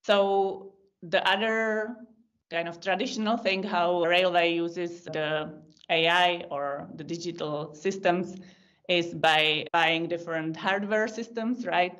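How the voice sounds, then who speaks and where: A woman's voice: on the low side, steady tone, takes it slowly, fairly bright tone. A woman in her thirties with a Czech accent, a podcast guest explaining her work in long, thoughtful lists with small restarts. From Czech Republic. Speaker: podcast guest, data science team lead. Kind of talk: casual interview answers. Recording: lo-fi video call audio.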